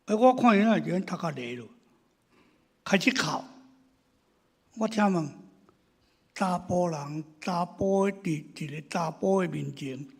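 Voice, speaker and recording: A man preaching a sermon as pastor, telling stories in an animated way and swinging between loud exclamations and hushed asides. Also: high-pitched, a little slow, vocal fry, long pauses, breathy edge. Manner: animated storytelling, acting out his congregants' complaints.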